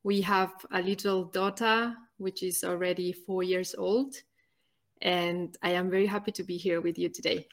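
A woman's voice: fairly low pitch, fairly even intonation. Earnest woman. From Ecuador. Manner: earnest, halting, many "um" pauses. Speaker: podcast co-host. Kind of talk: casual podcast introduction.

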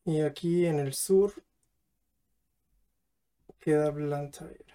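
A man hosting a podcast who introduces the episode and asks his guests guiding questions in a measured way. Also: fairly high pitch, steady tone, mellow, clean tone. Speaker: podcast host and interviewer. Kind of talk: scripted intro, then casual interview.

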